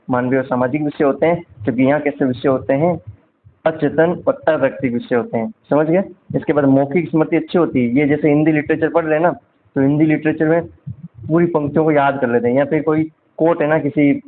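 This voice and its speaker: Man teaching over tinny phone-like audio. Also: on the high side. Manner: asks quiz questions and answers them himself. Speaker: exam-prep teacher. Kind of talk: revision lecture.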